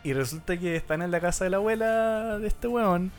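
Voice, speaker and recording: A man's voice: sits high, brisk, soft background music. A young man with a Chilean accent, chatting casually as a podcast host and retelling scenes with lots of slang. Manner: animated retelling with acted-out quotes and slang. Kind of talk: casual chat.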